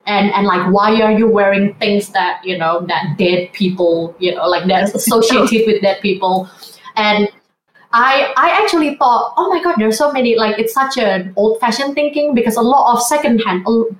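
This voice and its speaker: A woman's voice: medium pitch, moderate pace, slight background noise. Woman in an echoey room. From Indonesia. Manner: earnest, reflective storytelling. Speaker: guest, vintage blogger. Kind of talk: conversational interview.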